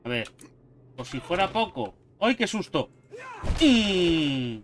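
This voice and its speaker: A young man giving jokey, excitable commentary while playing a survival game, yelping at sudden scares. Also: sits high, slow pace, soft background music. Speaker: gaming YouTuber. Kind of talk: gameplay commentary.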